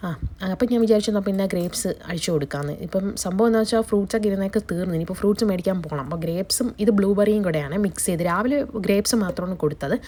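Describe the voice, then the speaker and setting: A young woman's cold has changed her voice, now mid-range and dark in tone, as she talks rapid-fire through a casual vlog. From her family's home kitchen, she chattily explains her day and her cooking to viewers.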